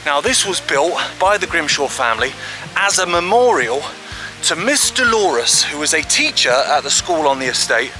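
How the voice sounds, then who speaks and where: A man's voice: on the high side, pushed and bright, rough recording. A man hosting a walking vlog outdoors by a river, chatty and enthusiastic, a bit out of breath as he walks and films. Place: outdoors in a wooded valley by a river.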